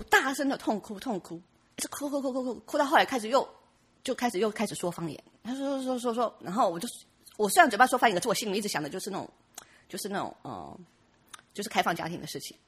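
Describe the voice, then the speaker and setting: A woman's voice: medium pitch, slightly rough. A woman giving a personal church testimony, chatty and full of restarts and laughs.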